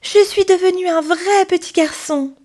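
A woman voicing an eager young male wooden puppet in a storybook reading, calling out in shrill, excited bursts. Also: fairly quick. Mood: joyful.

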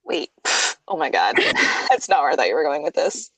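A woman co-hosting a podcast, excitable and giggly, jumping in with quick jokes and banter. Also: low-pitched, husky, no room sound, poor audio. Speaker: podcast co-host.

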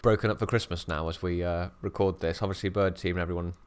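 A man's voice: low-pitched, steady tone, fast talker, clear, resonant tone. A British man co-hosting a podcast in casual chat, jokey and laughing often as he talks from an office. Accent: British English. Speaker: podcast co-host. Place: office at a bird of prey centre.

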